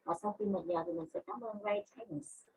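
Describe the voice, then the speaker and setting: A woman's voice: medium pitch, normal speed, phone-quality sound, a little hiss or hum. A woman English teacher with a Vietnamese accent, giving a class, spelling words out letter by letter and explaining in Vietnamese. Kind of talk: online class lesson.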